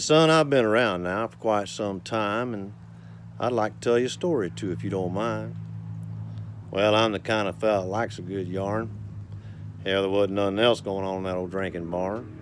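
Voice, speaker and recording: Smooth, low-voiced cowboy storyteller man. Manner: folksy, unhurried storyteller. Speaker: cowboy poet and author. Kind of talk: cowboy poetry recital and casual folksy talk.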